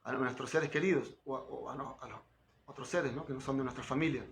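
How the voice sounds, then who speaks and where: A middle-aged spiritual teacher gives an informal devotional class in a brisk, mid-range voice with vocal fry and a little hiss or hum in the audio. He talks conversationally, uses frequent tag questions to check in with listeners, and lifts his voice when quoting others.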